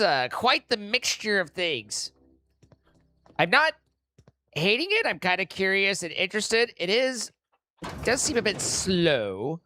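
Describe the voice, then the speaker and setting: Very clear, dry-sounding rambling game streamer. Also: medium pitch, pushed and bright, dry recording. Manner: rambling, musing, self-deprecating. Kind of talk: casual gameplay commentary.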